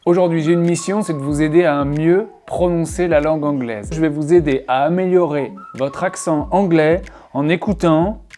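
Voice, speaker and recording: A man from France teaching an English-pronunciation video lesson in a playful, teasing, animated way. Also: a little high, normal speed, few pauses.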